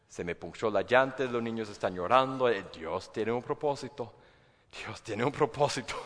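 A man preaching a sermon as pastor, animated, acting out inner voices and repeating words as he builds his point. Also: medium pitch, in a large hall.

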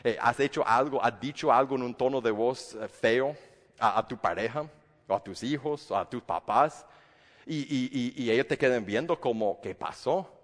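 Conversational pastor preaching in a reverberant hall. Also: male voice, mid-range voice, moderate pace. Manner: conversational, many restarts, acts out quoted voices. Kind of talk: sermon.

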